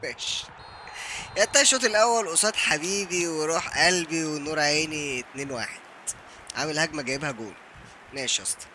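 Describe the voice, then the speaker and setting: A young Egyptian man with an Egyptian accent, live-streaming a football game and giving excited commentary while he taunts his opponent. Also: fairly high pitch, quick pace, a little hiss or hum. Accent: Egyptian Arabic. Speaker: gaming streamer.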